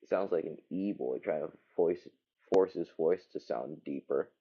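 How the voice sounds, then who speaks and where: Thinking aloud as he works, a livestreaming animator rambles casually at a normal speed in a low voice heavy with gravelly vocal fry. The audio is slightly muffled and dull.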